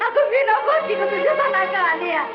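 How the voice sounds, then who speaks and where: Tearful older mother, crying lament, very high voice, dull film sound, loud score. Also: animated, a little fast, over loud music. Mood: grieving. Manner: crying lament, pleading to god. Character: grieving old village mother, sobbing and lamenting. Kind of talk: Marathi film melodrama acting.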